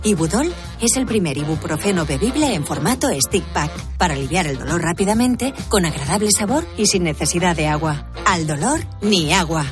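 Lowish-voiced woman in a medicine advert. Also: sing-song, brisk. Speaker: advert announcer. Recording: music bed under voice.

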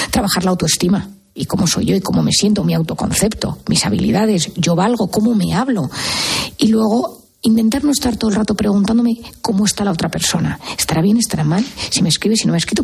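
A woman's voice: mid-range voice, creaky, darkish tone, slightly rough. A woman with a Spain Spanish accent, a psychiatrist guest on a radio show, explaining earnestly and posing example questions.

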